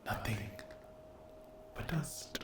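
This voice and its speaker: Speaking very slowly over background noise, a man voices a cruel, possessive sleep paralysis demon in an ASMR roleplay. His whispery drawl is menacing and condescending, with a taunting, sinister mood.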